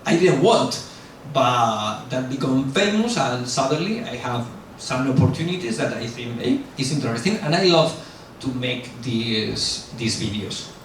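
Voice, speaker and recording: Speaking at an unhurried pace with lively intonation and a medium pitch, this middle-aged non-native English speaker gives a guest university lecture with Q&A. His delivery is loose and rambling, packed with fillers and self-corrections, and bluntly self-deprecating. A distant mic captures him in a big, very echoey hall, with a faint hiss underneath.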